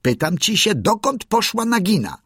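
A man's voice: sits high, big pitch swings, moderate pace, a bit bright, slightly rough, no echo, clean studio sound, pitched above the performer's own voice, full character voice. A man doing a fierce, bossy young mongoose. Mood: urgent. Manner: urgent, commanding. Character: brave fierce male mongoose, brisk and commanding.

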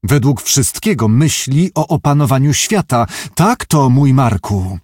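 A man's voice: medium pitch, sing-song, a little slow, a little mellow, no echo, clean studio sound. A man reading an audiobook, voicing a gloomy, shaken businessman who talks in anxious, confiding tones. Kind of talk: audiobook character voice.

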